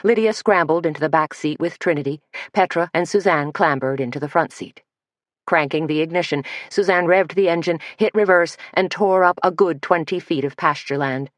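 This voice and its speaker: A woman reads a mystery novel aloud, her voice low and steady. The recording is close and dry, with no room sound. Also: no echo. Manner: steady, measured reading. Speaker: audiobook narrator. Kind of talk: scripted narration.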